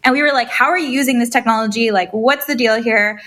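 A woman from Honduras, a co-founder guest telling her background in an energetic, casual interview. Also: fairly high pitch, fast.

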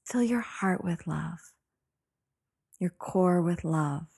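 A middle-aged woman podcast host leading a guided breathing meditation in a calm, meditative, soft and soothing way with slow phrases. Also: fairly low pitch, gravelly, slightly rough.

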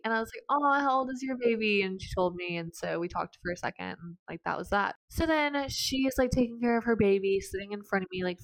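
A woman's voice: mid-range voice, rough recording. A young woman in her twenties, co-hosting a podcast, telling a funny story in casual chat with lots of laughter and filler words. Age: 20s. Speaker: podcast co-host.

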